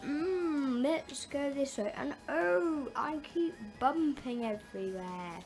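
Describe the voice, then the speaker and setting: A woman's voice: high voice, animated, takes it slowly, darkish tone. A woman hosting a gaming video, giving playful kart racing commentary full of exclamations, oohs and little vocal sound effects. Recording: game music under the voice. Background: video game music.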